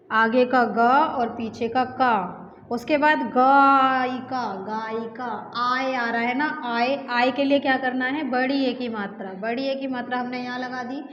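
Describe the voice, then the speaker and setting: A woman with a high voice works slowly through a grammar lesson. She repeats each example with patience and checks in with her students as she goes. The sound is dull and echoey, as if recorded in a bare room, with a faint hiss behind her. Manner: patient, repetitive, checks in with 'okay' often. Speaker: teacher. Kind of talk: exam-prep grammar lesson.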